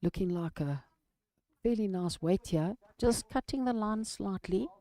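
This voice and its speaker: A woman giving live lawn bowls commentary in a measured golf-style manner, describing each shot in short phrases. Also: mid-range voice, dark tone, no room sound.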